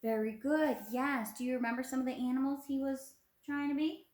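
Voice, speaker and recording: A young female teacher with a high, darkish voice speaks fairly quickly during a children's read-aloud, encouraging them and asking simple questions. It's recorded on a phone at arm's length in a small room at home, giving roomy echo.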